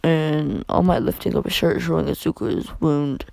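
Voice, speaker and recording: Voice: medium pitch, fairly even intonation, moderate pace, creaky, a little mellow, no room sound. A fan storyteller improvising a story in a rambling, casual way with many asides. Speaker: fan fiction narrator.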